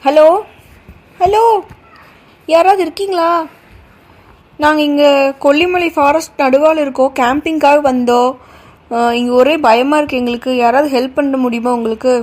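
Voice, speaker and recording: A woman's voice: high voice, fairly even intonation, normal speed, pauses often, darkish tone, lightly acted, rough recording. A woman voicing a panicky girl pleading for help on a phone.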